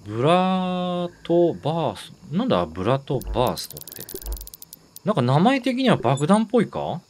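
A man giving let's-play commentary, excitable, talking to himself and repeating words in quick bursts. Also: a little high, a little hiss or hum. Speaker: game streamer.

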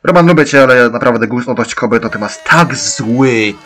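A man doing let's-play gameplay commentary, ranting excitably and yelling at the characters. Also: medium pitch, moderate pace.

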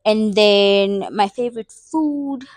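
Young South African woman, playful vlog chatter, mid-pitched voice, dry close sound. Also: slow pace, no room sound. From South Africa, Eastern Cape. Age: 20s. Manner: chatty, playful, self-mocking. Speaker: vlogger. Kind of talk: casual get-to-know-me vlog.

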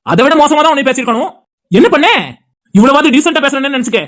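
A woman's voice: sits high, quick pace, natural voice. Woman voicing a furious scolding husband. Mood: contemptuous. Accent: Tirunelveli Tamil. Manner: scolding, insulting, heated. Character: angry loyal husband defending his brother. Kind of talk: cartoon dialogue acting.

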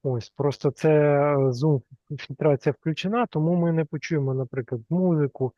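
A man moderating an online class, calmly and patiently explaining the settings and repeating points so that they are clear. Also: fairly high pitch, normal speed, no room sound. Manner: calm, patient, repeats himself to make a point. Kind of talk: patient explaining on a video call. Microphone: video call from a computer. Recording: dull lo-fi video call audio.

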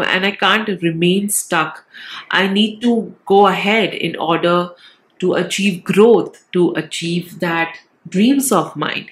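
A woman's voice: fairly low pitch, poor audio. A woman with a nasal, congested voice from a cold, giving a casual tarot reading to viewers and often checking in with short tags. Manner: reassuring check-in tags like "all right", "okay". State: has a cold. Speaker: tarot reader, channel host. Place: indoors, at a decorated tabletop.

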